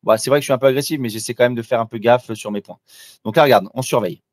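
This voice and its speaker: A man's voice: medium pitch, rapid-fire, no room sound, studio quality. A man doing live trading commentary, talking informally and directly to the listener with frequent restarts. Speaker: trader presenting a live trading demo.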